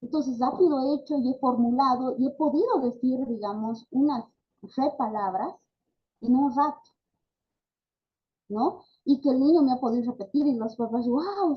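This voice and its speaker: Speaking in a high voice with a Bolivian Spanish accent, a woman teaches an online speech therapy class. She talks conversationally, full of fillers and tag questions, and the sound quality is lo-fi.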